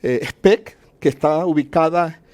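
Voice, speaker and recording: His voice is fairly high and a little mellow, and he speaks a bit slowly. This man from Colombia answers as an economist in an interview, taking a didactic approach that breaks ideas into points and responds to questions he raises himself.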